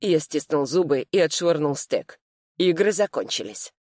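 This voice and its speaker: A narrator reading a first-person novel aloud in a calm, measured way. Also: medium pitch, no room sound, clean studio sound. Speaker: audiobook narrator.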